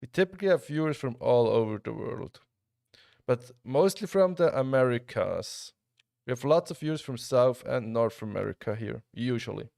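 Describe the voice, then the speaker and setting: Playing a game live, a relaxed young Swiss man talks to chat and reacts as he goes, often beginning sentences again. His voice is mid-range and creaky at a normal speed. The recording is dry, with studio quality.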